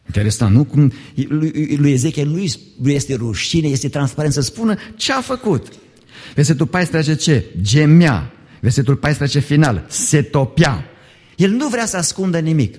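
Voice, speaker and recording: Male pastor, sermon, husky dark voice, lively pitch, long church reverb. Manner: animated, rhetorical questions to the congregation.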